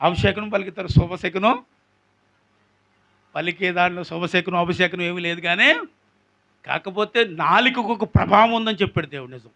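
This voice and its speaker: A man's voice: high voice, sharp tone. A male pastor preaching a sermon, prompting the congregation to answer back.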